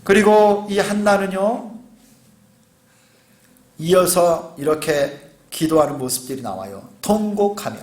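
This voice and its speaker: High-voiced pastor preaching in an echoey church. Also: male voice, lively intonation, slow, long pauses. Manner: earnest, rising to fervent exhortation. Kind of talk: sermon. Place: church sanctuary.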